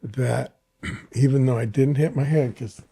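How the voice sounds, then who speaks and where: An older man with a gravelly, slightly husky voice and a mellow, dark tone. He hosts a podcast conversation in a relaxed, halting way, often doubling up on his words before getting them out. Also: medium pitch. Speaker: podcast host and therapist. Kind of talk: casual conversation.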